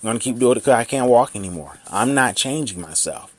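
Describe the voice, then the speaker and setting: Animated and quick, this mid-range male voice has no room sound at all. It belongs to a vlogger in his thirties who is angrily ranting to the camera, full of profanity and repetition.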